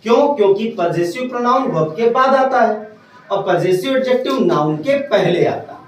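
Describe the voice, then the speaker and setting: A man's voice: high-pitched, expressive, normal speed, slight background noise. A man teaching a grammar lesson to a class, often stopping to check whether his students have understood. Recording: echoey room from far off.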